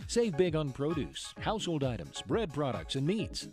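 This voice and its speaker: A man's voice: on the high side, wildly swooping pitch, normal speed, music in the background. Upbeat man reading a supermarket announcement. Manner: upbeat, sing-song promotional delivery. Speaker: radio ad announcer.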